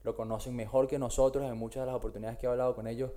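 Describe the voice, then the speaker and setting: A man's voice: mid-range voice, level tone, racing, dark tone. A Latin American man, bantering in slang as co-host of a casual podcast. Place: Australia.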